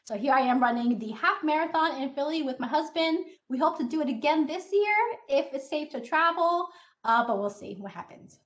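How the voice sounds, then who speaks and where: Speaking to students in an online presentation, this scientist in her thirties, from Taiwan but raised in the US, explains things in a friendly way with occasional uhs. She has a high, animated, slightly bright voice and talks fairly quickly.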